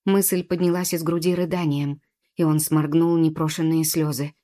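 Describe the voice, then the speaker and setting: A woman reading a children's adventure story aloud in an expressive, dramatic narration. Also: low-pitched, normal speed. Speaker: audiobook narrator.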